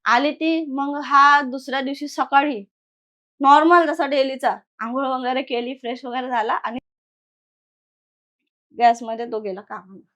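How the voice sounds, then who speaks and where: Woman, young adult, guest storyteller, casual horror retelling, fairly high voice. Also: measured pace, pauses often. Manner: conversational, animated retelling with quoted voices.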